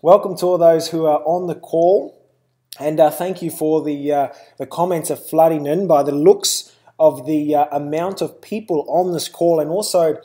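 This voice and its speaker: A man's voice: on the high side, fairly even intonation, moderate pace, mellow. A man with a New Zealand accent giving a live webinar presentation, talking loosely with lots of "uh" and "you know".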